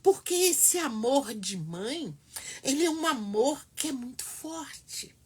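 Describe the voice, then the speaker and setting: A middle-aged woman giving earnest, emphatic advice to mothers, with dramatic pauses. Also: high-pitched, animated. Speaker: family counselor speaking to mothers. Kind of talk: heartfelt advice talk to camera.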